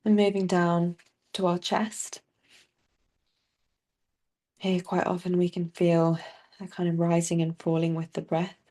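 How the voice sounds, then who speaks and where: Speaking on the low side with little change in pitch, a meditation teacher guides a body scan. Her manner is soft and soothing, and she takes long, unhurried pauses.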